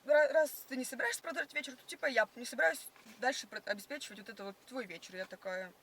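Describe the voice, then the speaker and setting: A woman's voice: sits high, fast, fairly bright tone, a little hiss or hum. A young woman telling stories in casual, slangy chat full of filler words, recorded inside a car. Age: young adult. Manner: slangy, filler-heavy storytelling. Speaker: passenger being interviewed.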